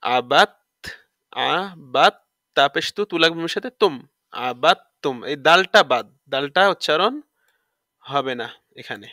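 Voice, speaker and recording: A man teaching tajweed, spelling out letters and rules step by step and drawing out the recited words slowly, with a Bangladeshi Bengali accent. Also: on the high side, lively intonation, bright, forceful tone, no echo, clean studio sound. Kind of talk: tajweed lesson with slow recitation.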